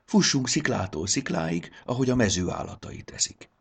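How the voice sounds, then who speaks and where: A man voicing a sensible young boy who talks calmly and gently in a husky voice. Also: fairly low pitch, pitched above the performer's own voice, heavily acted. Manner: calm, reassuring.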